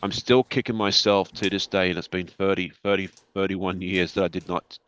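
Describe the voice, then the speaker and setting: A man's voice: low voice, steady tone, moderate pace, a bit bright, lo-fi sound. Easygoing self-deprecating middle-aged man. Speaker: guest. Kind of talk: casual livestream chat.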